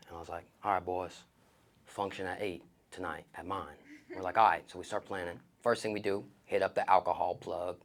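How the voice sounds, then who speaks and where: A young man doing stand-up on stage, telling stories in casual slang and acting out the dialogue. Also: on the low side. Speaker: stand-up comedian. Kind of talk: stand-up comedy storytelling on stage. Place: on stage before an audience.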